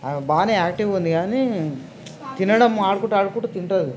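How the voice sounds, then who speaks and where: A woman's voice: medium pitch, quick pace, background noise. A woman with a Telangana Telugu accent, chatting casually with family at a village home and coaxing the children. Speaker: vlogger.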